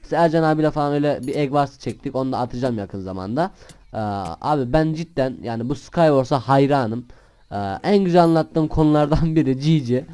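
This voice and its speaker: A man's voice: on the high side, brisk, clear, resonant tone. A young man hosting a gaming channel, chatting casually and rambling while he plays. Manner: chatty and rambling, bursts into shouted swearing at other players. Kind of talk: casual gameplay commentary.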